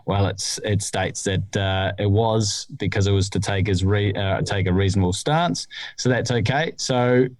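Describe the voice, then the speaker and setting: Speaking at normal speed, this New Zealand man's low, slightly mellow voice comes across with no echo over a remote call. As a podcast co-host explaining the rules casually, he hesitates, thinks out loud, and uses lots of fillers from a cold little hut at home.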